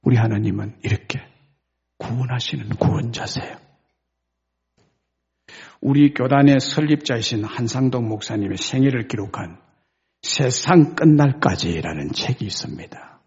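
A male pastor preaching a sermon, retelling a story in an animated, conversational way with a raspy voice. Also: medium pitch, normal speed, long pauses, muffled recording.

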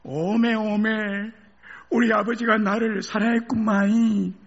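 남자가 연기하는 전라도 사투리로 흐느끼는 젊은 남학생, 높고 갈라진 목소리. 먹먹한 저음질 녹음. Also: male voice, high voice, fairly even intonation, husky, muffled recording, pitched above the performer's own voice, full character voice. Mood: wailing. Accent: Jeolla. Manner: sobbing, exclaiming, drawn-out wails. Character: weeping young male student in Jeolla dialect.

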